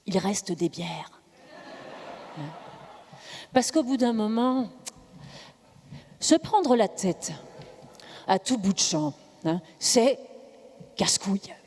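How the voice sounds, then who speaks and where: Mock officiant, slow and solemn, builds to fervent outcries; live parody sermon in a temple hall. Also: medium pitch, darkish tone. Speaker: comic officiant of a mock mass.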